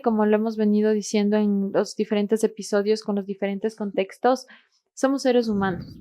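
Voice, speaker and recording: A woman hosting an interview, listening with soft backchannels and sharing reflective thoughts. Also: medium pitch. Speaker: host. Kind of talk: interview talk.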